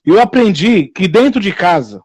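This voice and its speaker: Preacher guy on a live stream, really high voice, dry close sound, keeps repeating himself. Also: moderate pace, slightly rough, dry recording. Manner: repetitive, animated, acts out quoted people in raised voices.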